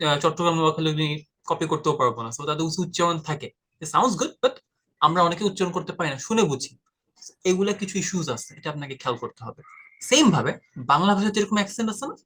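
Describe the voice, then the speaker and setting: A man's voice: a little high, a bit bright. A man from Bangladesh teaching an exam-prep lesson in a direct, informal way, addressing the viewer as brother. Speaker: IELTS tutor. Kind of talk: casual explanatory lesson.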